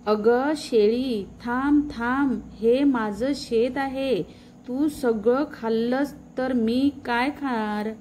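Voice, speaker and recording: A woman's voice: on the high side, slow pace, a little mellow, a little hiss or hum. Woman doing a tiny sly clever mouse. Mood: pleading. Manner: sly, persuasive. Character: small clever male mouse, sly and cheerful.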